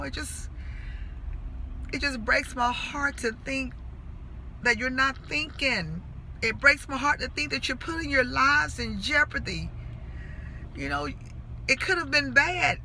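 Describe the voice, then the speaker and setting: High, piercingly bright middle-aged woman. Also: slight background noise, rough recording. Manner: earnest, impassioned appeals to parents and youth. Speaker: mother and school worker. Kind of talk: personal vlog monologue.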